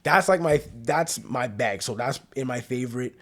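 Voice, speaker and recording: A young man hosts a podcast at a moderate pace, his voice medium in pitch, with a crowd audible behind him. The talk is casual chat, laid-back and full of fillers and loose slang.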